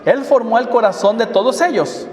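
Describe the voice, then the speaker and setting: A man's voice: very high voice, normal speed, a little mellow. A man preaching a sermon, asking the congregation one rhetorical question after another. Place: church hall. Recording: echoey hall from far off.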